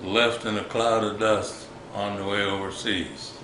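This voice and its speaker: An elderly man, a war veteran, recalling his service in an interview in a halting, reflective way with formal wording. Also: on the low side, fairly even intonation. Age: 80s or older. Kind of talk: old veteran remembering, unscripted interview recollection. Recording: echoey room with background noise.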